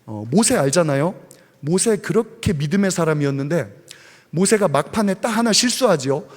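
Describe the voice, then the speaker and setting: A pastor with a high, light voice delivers a sermon at a moderate pace with lively intonation, pushing his point through rhetorical questions before settling into gentler asides. His voice rings through a church sanctuary, trailing a long reverb.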